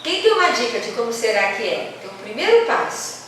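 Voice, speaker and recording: A woman with a São Paulo Brazilian accent leads a teaching workshop in a high voice. She talks conversationally, puts questions to the audience and acts out the voices she quotes. She is heard from a distance in a very echoey hall with faint noise underneath. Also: very animated, fast, fairly bright tone. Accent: São Paulo Brazilian Portuguese. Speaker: workshop speaker for religious teachers. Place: community hall.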